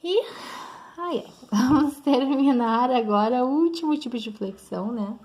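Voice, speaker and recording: Unhurried and darkish in tone, this high-pitched woman with a Brazilian Portuguese accent teaches grammar online. She moves step by step and checks in with students often.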